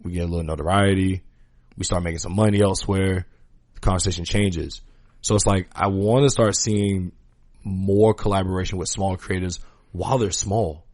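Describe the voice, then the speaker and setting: A podcast host with a low, a little mellow voice speaks at a moderate pace with fairly even intonation, with no room sound audible. His talk is casual and earnest, full of slang, as he shares opinions and repeats points for emphasis.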